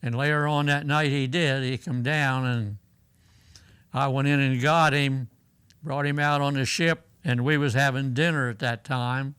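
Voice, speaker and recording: Slow-talking elderly American veteran, remembering. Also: male voice, mid-range voice, fairly even intonation, fairly bright tone, clean tone, no echo. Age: elderly, 80s or older. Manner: old veteran remembering, halting, plain-spoken storytelling. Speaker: war veteran being interviewed. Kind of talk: unscripted oral-history reminiscence.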